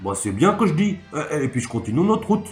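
A man voicing a clumsy peasant man who rambles in thick country dialect, stammering and halting. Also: a little high, sing-song, darkish tone, voice pushed up. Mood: rambling. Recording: echoey room, faint music.

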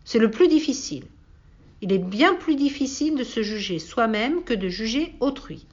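A woman's voice: on the high side, very animated, normal speed, dull audio, pitched above the performer's own voice. A woman doing a bossy old king. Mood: commanding. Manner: commanding, lecturing. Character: old self-important male king.

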